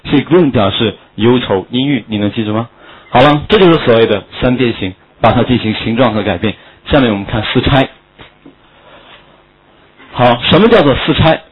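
A man teaching English vocabulary in a lively classroom lecture, full of rhetorical questions and jokey memory tricks. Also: mid-range voice, husky. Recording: dull lo-fi lecture recording.

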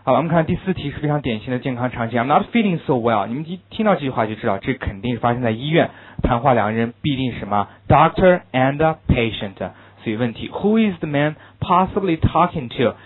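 A male teacher lectures quickly and emphatically, driving home his key points by repeating them. His voice sits in an ordinary middle register. The recording is thin and phone-like. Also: medium pitch, lively intonation, breathy edge. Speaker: English teacher. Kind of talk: classroom lecture.

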